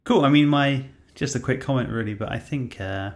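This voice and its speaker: A man co-hosting a casual gaming podcast, relaxed and hedging as he steers the talk. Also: mid-range voice, a little fast. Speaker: podcast co-host.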